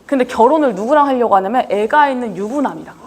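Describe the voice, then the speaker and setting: Woman lecturer, leadership training talk, high voice, swooping expressive intonation, keeps asking the audience questions. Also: fast. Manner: lively, quizzes the audience often; casual, talks down-to-earth with students.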